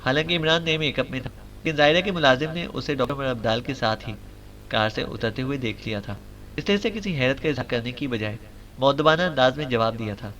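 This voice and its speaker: A man's voice: mid-range voice, fairly bright tone, a little hiss or hum, rough recording. Man reading a novel aloud. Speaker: audiobook narrator. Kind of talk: scripted novel narration.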